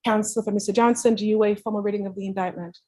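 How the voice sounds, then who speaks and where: A woman's voice: medium pitch, steady tone, very fast, dark tone. A woman acting as court clerk, reading formal questions and oaths to defendants in a plea hearing.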